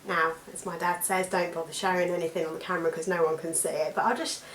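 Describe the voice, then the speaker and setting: Croaky British woman, lowish voice. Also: level tone, fast, fairly bright tone. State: croaky voice from allergies. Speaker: weight loss vlogger. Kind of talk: casual chat to camera. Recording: echoey room with background noise.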